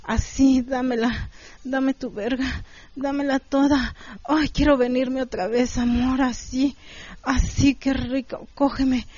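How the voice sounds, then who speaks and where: A breathless, pleading young woman in an adult audio story, as a woman reader puts her on. Her voice rides high and strained, and the recording is close, dry and somewhat muffled. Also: takes it slowly, dry recording.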